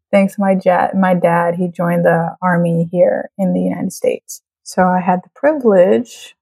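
A woman in her late twenties from Trinidad, a guest in a casual conversation, chatty and quick to laugh. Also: lowish voice, fairly even intonation, vocal fry, warm tone, slightly rough, no echo. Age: late 20s. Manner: laughs often, chatty with fillers. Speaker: guest photographer.

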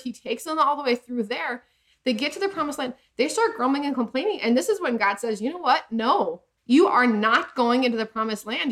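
A woman on a podcast tells a story in a casual, lively way, slipping into voices for the people in it. Her voice sits fairly high. She talks in a relaxed chat style. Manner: animated storyteller, acts out voices in retelling. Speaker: podcast co-host.

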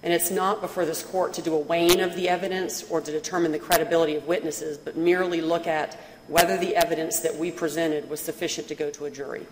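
A woman lawyer making a formal, measured and precise oral argument to judges, with a deferential manner. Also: low-pitched, little pitch movement. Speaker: appellate lawyer. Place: courtroom. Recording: very echoey hall, faint noise.

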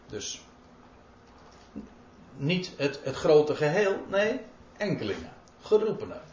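A man's voice: on the high side, very animated, slow, darkish tone, a little hiss or hum. A man preaching a sermon, reading out scripture verses and explaining them emphatically. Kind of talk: sermon, Bible exposition. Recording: roomy, dull lo-fi recording.

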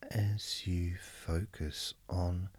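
Very deep, mesmerizing, husky male hypnotist. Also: fairly even intonation. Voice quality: very deep, breathy, husky, often near whisper. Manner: mesmerizing, slow and hushed, with long pauses. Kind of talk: slow guided hypnosis narration.

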